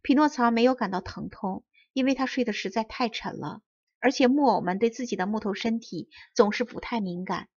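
Clear-voiced woman reading a children's tale. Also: on the high side, fairly quick, dry recording, highs cut off. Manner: clear, well-enunciated. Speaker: storybook reader. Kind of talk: expressive children's story narration.

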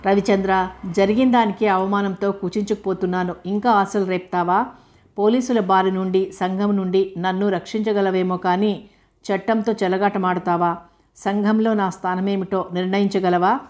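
A woman's voice: mid-range voice, fairly even intonation, normal speed, darkish tone, lightly acted. A woman reading the part of an ashamed, troubled young woman in an audiobook, in an earnest, pleading voice. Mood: anguished.

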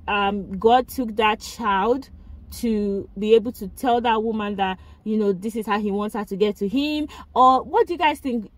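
A woman, chatting casually as she reviews a movie, laughing often and asking viewers questions. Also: fairly high pitch.

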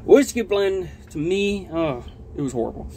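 A young adult man with a lip full of dip reviews a product for his vlog, rambling casually and swearing a lot. His voice is high-pitched, lively and mellow at a normal speed, recorded indoors in a small, cluttered log-walled room with slight background noise.

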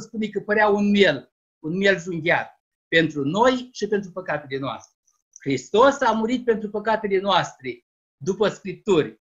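Earnest preacher over muffled video call. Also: male voice, high-pitched, fairly bright tone. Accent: Romanian. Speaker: lay preacher.

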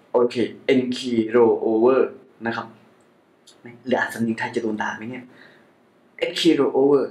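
A young man giving a casual unboxing commentary as a tech reviewer, chatty and joking about his own mispronunciations. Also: medium pitch. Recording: echoey room.

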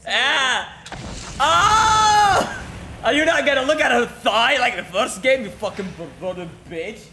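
A young man streaming a video game, reacting loudly with laughter, constant swearing and excited shouts. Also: extremely high pitch, measured pace, a little hiss or hum. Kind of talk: live gameplay reactions.

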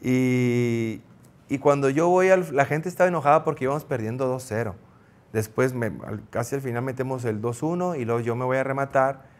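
A middle-aged man with a Mexican accent, a former goalkeeper, telling an anecdote in an interview, acting out the shouts he quotes. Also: medium pitch, brisk. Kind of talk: storytelling in an interview.

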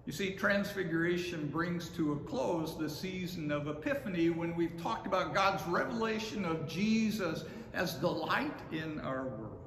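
A man in his sixties, a pastor giving a measured, deliberate sermon from the pulpit of a large empty sanctuary, recorded by a camera at a distance. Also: a little high, animated, a bit bright. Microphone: far camera. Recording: echoey hall, faint room hum.

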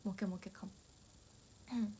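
Young woman, chatty, giggly, casual livestream chat, mid-pitched. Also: fairly even intonation, unhurried, dark tone, a little hiss or hum. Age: young adult. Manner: chatty, giggly, answering viewer comments. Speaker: idol livestreamer.

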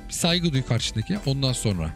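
A man's voice: mid-range voice, very animated, a little fast, a bit bright, soft background music. A man hosting casual commentary over viewers' game replays, chatty and asking the listener again and again whether they get it. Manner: chatty, keeps asking "you get it?" and calling the listener brother.

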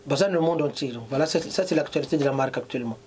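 Speaking very fast in a medium-pitched, darkish voice, the Congolese fashion designer, a middle-aged man, gives an interview in a clothing shop. He blends French and Lingala emphatically into the interviewer's handheld mic, with slight noise behind him.

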